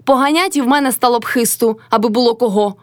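A quarrelsome young peasant wife with a sharp, mocking tongue, put on by a woman reading the tale. Her voice sits high and cutting, recorded dry and close with no room around it. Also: quick pace, no echo, lightly acted.

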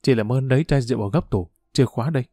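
A man's voice: mid-range voice, very fast, dark tone, no echo, studio quality, close to an everyday voice. A man voicing a polite, somewhat shy adult lodger. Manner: polite, hesitant.

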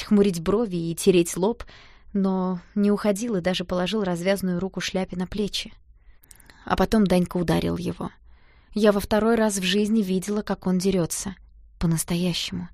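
A woman narrating a first-person audiobook with lively, emotional storytelling. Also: mid-range voice, no echo, clean studio sound.

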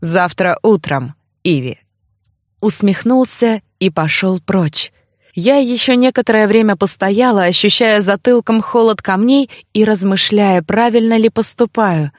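A woman narrating a first-person audiobook in an even, measured storytelling manner on a close mic. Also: medium pitch, no room sound.

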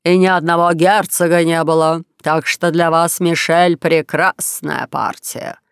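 An audiobook reader voicing a jovial, pushy king who plays matchmaker, talking slowly and loudly in a dry, close recording. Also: mid-range voice, little pitch movement, gravelly, clean tone, dry recording. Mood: dismissive. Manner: coaxing, blustering, loud and slow. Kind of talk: audiobook character voice.

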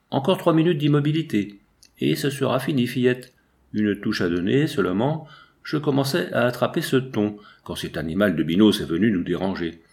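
A man's voice: medium pitch, vocal fry, darkish tone. A man reading a stern, busy male painter who scolds firmly. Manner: firm and scolding.

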